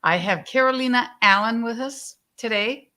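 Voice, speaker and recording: A woman hosting a live stream interview, gushing with praise and often pausing with fillers. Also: on the high side. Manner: effusive, warm praise, many fillers. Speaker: host. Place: live stream video call.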